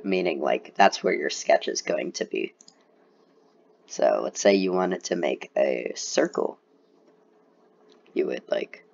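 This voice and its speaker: Low, gravelly young man feeling sick. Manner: casual, relaxed, filler-heavy explaining. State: sick, slightly congested. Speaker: CAD tutorial presenter. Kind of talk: screen-recorded software tutorial. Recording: dull, lo-fi voice recording.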